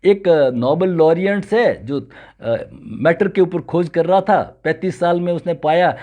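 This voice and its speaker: A man's voice: on the high side, a little slow, narrow, tinny audio. A man from Rajasthan, a yoga teacher, giving a spiritual lecture and reciting Sanskrit verses. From Rajasthan, India.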